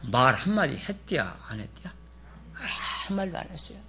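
A pastor preaching to a congregation, swinging from loud dramatic outbursts to soft near-whispers. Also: male voice, a little high, very animated, a little fast, a little hiss or hum. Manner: dramatic, shouts in character then drops to near whispers. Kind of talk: sermon with congregation repeating verses.

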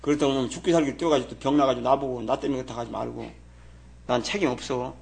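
A man in his sixties preaching a sermon as pastor, scolding in a chatty way and swinging from loud exclamations to quiet asides. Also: medium pitch, fairly even intonation, racing, vocal fry.

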